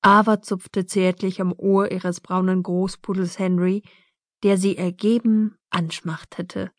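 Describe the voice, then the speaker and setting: A woman reading an audiobook in calm, measured scripted narration. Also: mid-range voice, dry recording, clean studio sound.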